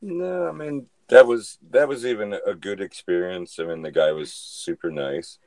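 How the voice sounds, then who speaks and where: A man's voice: fairly low pitch, normal speed, darkish tone, no room sound. A man talking as a podcast guest about his hiking trip, telling stories in a loose, rambling way full of "you know". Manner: rambling storyteller, many "you know" fillers. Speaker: podcast guest, thru-hiker. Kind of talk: casual chat.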